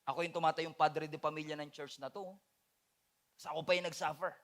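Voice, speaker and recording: A man, a pastor preaching a sermon, swinging between loud appeals and quiet, confessional passages. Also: on the high side, steady tone, fast.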